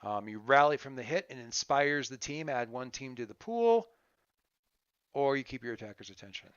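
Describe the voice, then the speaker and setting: A man running a tabletop game as game master, narrating off the cuff and thinking aloud in a halting, casual way. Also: mid-range voice, lively intonation, a bit bright, smooth, no room sound, lo-fi sound.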